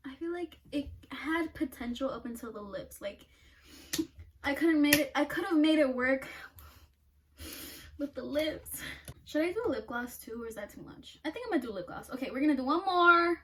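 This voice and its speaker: A woman's voice: sits high, expressive, normal speed. A young woman doing a casual makeup vlog, blunt and self-mocking, swearing freely and laughing at herself. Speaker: beauty vlogger. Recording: somewhat distant mic with faint noise.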